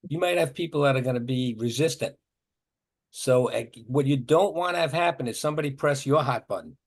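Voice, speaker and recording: A workshop trainer leads a session on workplace communication, coaching participants conversationally and acting out short example exchanges. His mid-range voice moves fairly quickly.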